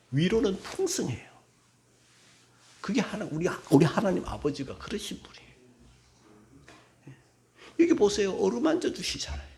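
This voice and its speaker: Gravelly-voiced Korean pastor preaching. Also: male voice. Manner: swings from soft, low musing to loud, shouted scolding impressions. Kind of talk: sermon. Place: church sanctuary.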